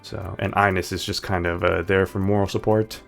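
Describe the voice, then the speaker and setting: A man's voice: low-pitched, little pitch movement, normal speed, creaky, a bit bright. A man streaming a video game, chatting casually and rambling through his choices with playful asides. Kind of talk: casual gameplay commentary. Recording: background game music.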